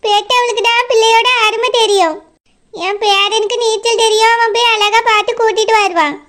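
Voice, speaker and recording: A woman's voice: extremely high pitch, steady tone, a little fast. A woman voicing a bossy, lamenting old village grandmother with a Tirunelveli accent. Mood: scolding, lamenting. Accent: Tirunelveli Tamil. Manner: bossy, lamenting, sharp-tongued.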